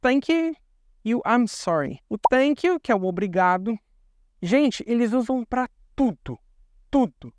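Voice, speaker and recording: A man's voice: very high-pitched, expressive, a little slow, darkish tone, dry recording, clean studio sound. A young Brazilian man with a Brazilian Portuguese accent, explaining things in a chatty vlog and repeating words for emphasis. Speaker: vlogger.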